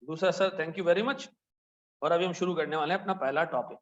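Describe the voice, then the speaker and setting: A middle-aged man from Pakistan with a Pakistani Urdu accent, lecturing a class in a chatty, animated way with frequent "theek hai ji" asides. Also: a little high, brisk, lo-fi sound. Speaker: accountancy teacher. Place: classroom with air conditioners and lights.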